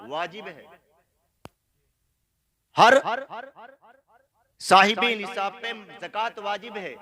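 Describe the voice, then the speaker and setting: A man's voice: high voice, bright, forceful tone. A man preaching a sermon in a fervent, declamatory manner, calling out to his listeners at a public religious gathering. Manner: impassioned, declamatory, calls out to listeners. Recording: crowd noise behind the speech.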